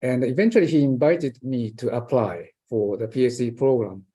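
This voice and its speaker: Older Japanese-accented professor, interviewee; halting delivery, slightly husky tone. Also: male voice, medium pitch, dark tone. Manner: hesitant, many fillers and restarts. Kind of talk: conversational interview.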